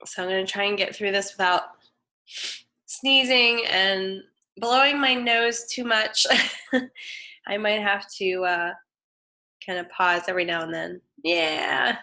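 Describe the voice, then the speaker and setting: A woman leads a live online design lecture with a screen demo despite a head cold that leaves her nasal and sniffly. Mid-range, bright and forceful, her voice moves slowly with frequent pauses, and her chatty delivery is peppered with fillers, restarts and self-corrections.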